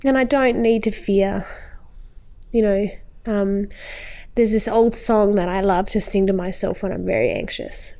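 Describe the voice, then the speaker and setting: A woman's voice: mid-range voice, fairly even intonation, unhurried, dark tone. A woman guest in an interview, talking about her faith in an earnest, heartfelt and rambling way, with many fillers. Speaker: podcast guest.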